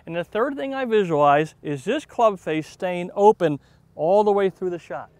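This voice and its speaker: High-pitched male golf commentator, encouraging. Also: animated, normal speed, a little mellow, no room sound. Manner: encouraging, praising. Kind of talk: golf commentary and short game lesson.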